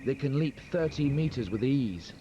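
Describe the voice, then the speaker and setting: A man reading scripted nature documentary narration in a measured, explanatory way, heard from a worn VHS tape copy. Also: medium pitch, lively intonation, slight background noise. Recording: dull lo-fi tape with loud music behind. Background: loud music score.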